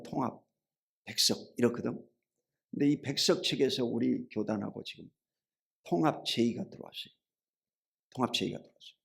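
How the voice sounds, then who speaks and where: With a gravelly voice, a middle-aged male preacher chats through homespun stories in his sermon, his volume rising and dropping. He asks the congregation rhetorical questions and calls out for amens.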